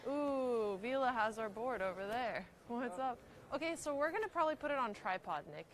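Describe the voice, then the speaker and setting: A young woman streamer walks along, chatting casually and upbeat with her viewers in a live stream. Her voice is a little high and animated, at a moderate pace, with a bit of hiss or hum in the background.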